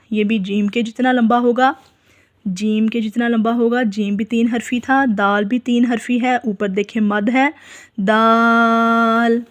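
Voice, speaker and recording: A woman recitation teacher with an Urdu accent talks at a very slow, measured pace. She draws out each letter sound and corrects in a firm, instructive way. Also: a little high. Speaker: Quran reading teacher. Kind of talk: slow step-by-step recitation lesson.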